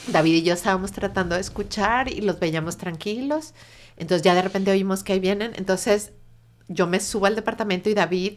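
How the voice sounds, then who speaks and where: A middle-aged Mexican woman, an interview guest, telling a painful personal story in a soft, halting voice that often sinks to a near whisper. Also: medium pitch. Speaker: interview guest, bereaved mother. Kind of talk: emotional personal testimony.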